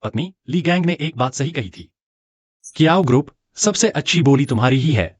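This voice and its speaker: Lively husband. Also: male voice, a little high, normal speed, dry recording. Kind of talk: dubbed drama dialogue.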